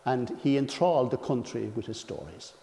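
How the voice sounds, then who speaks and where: A man with an Irish accent giving an informal biographical account from memory, often clearing his throat. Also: medium pitch, lively intonation, normal speed, dark tone. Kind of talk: informal spoken biographical reminiscence. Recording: reverberant hall.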